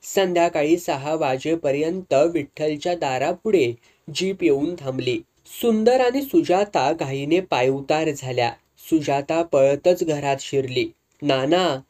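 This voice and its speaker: Give me a measured, dramatic narrator of a serialized novel with a warm, dark tone. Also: medium pitch.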